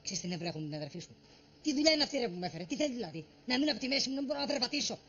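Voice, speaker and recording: A man's voice: high-pitched, pushed and bright, slight background noise. An actor playing a grumbling, overworked man who complains dramatically in a TV comedy series. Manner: whiny, complaining, exasperated. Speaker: put-upon office worker. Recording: dull lo-fi TV audio with music.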